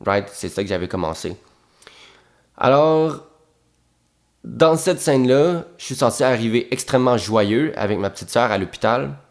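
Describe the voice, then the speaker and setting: A young man with a Québécois French accent, an actor telling behind-the-scenes stories in an animated, profane way, repeating words for emphasis. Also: mid-range voice, moderate pace. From Quebec. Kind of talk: casual storytelling monologue.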